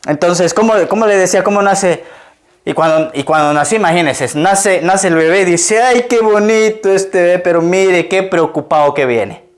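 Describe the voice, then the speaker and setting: A pastor delivers a sermon in a relaxed, conversational way. He keeps turning to his listeners with questions and laughs often at his own stories. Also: sits high, normal speed. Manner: conversational, asks the congregation questions.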